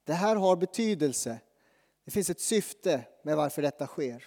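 Higher-voiced man preaching in a reverberant church. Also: expressive, warm tone. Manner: earnest, conversational preaching with fillers and restarts. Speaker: pastor. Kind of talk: sermon with prayer.

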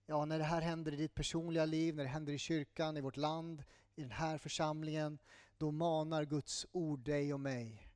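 Male pastor preaching in church, pretty high voice, chatty asides, dry sound. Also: clear, resonant tone, dry recording. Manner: lively, with self-interrupting asides and apologies. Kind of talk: sermon.

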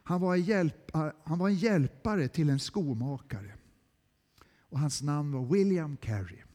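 Male pastor, high voice, dramatic sermon delivery with big shifts from cries to whispers, church echo. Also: animated. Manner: dramatic, swinging from loud cries to hushed whispers.

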